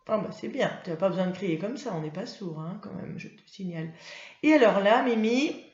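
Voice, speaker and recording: A woman's voice: fairly low pitch, fairly quick, darkish tone, roomy sound, lo-fi sound. A woman primary school teacher giving a lesson to young children, patiently spelling out words.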